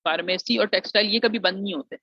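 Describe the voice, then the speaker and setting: In a high, bright, pushed voice at a quick pace, this Pakistani engineering graduate lectures informally on admissions. He switches between Urdu and English phrases and addresses students as "beta". The recording is dry and muffled, with no room sound.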